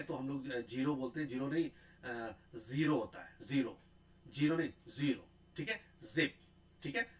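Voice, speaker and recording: A man giving a pronunciation lecture, repeating sounds and words slowly and often checking in with a tag question. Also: medium pitch, bright, forceful tone, rough recording.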